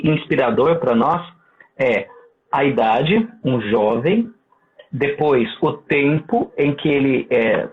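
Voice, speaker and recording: A man, a seminarian asking warm, admiring interview questions. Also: on the high side. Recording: tinny remote call line.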